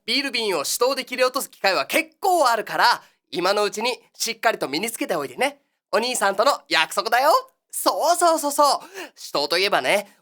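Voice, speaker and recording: A woman playing the cheery big-brother host of a children's exercise show, talking in a sing-song, coaxing patter in a comic monologue. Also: fairly high pitch.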